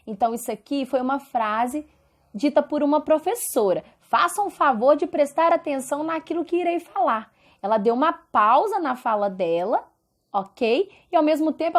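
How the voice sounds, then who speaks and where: A woman teacher with a Brazilian Portuguese accent gives a recorded lesson. Her voice sits high and moves up and down a great deal. She explains patiently and keeps asking rhetorical questions.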